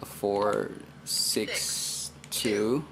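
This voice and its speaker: A man with a low, creaky voice speaks extremely slowly while demonstrating radio programming unscripted, thinking aloud in halting phrases. A crowd can be heard behind him, and the amateur recording is noisy with steady background noise.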